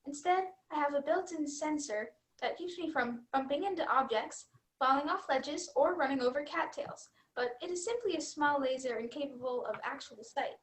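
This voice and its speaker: Woman playing a high-voiced, dutiful robot vacuum. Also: moderate pace, lightly acted. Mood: earnest, dutiful. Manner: formal robotic phrasing, spells words out letter by letter. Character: earnest, dutiful robot vacuum in love with dishwasher. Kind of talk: scripted youth theater comedy acting.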